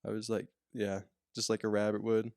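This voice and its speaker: A young man with a low voice talks casually on a podcast. He often restarts his sentences and hedges with fillers. The recording is dry and close. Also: dry recording. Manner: halting, self-interrupting, animated storyteller. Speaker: podcast co-host.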